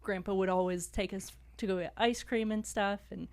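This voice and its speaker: A young woman, hosting a podcast, chatting casually with a quick laugh and reading an article summary smoothly. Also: mid-range voice, fairly even intonation, no echo. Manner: laughs often, reads smoothly. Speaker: podcast host.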